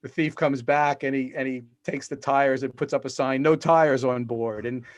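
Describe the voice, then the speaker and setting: A man's voice: medium pitch, fairly even intonation, normal speed, no room sound. A middle-aged man, a guest on a video-call interview, telling long stories with fillers and restarts. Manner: rambling storyteller with restarts and fillers. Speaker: podcast guest, author.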